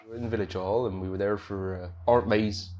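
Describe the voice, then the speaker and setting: A man's voice: on the low side, steady tone, a little fast, darkish tone, a little hiss or hum, natural voice. A man playing a dry, matter-of-fact country villager.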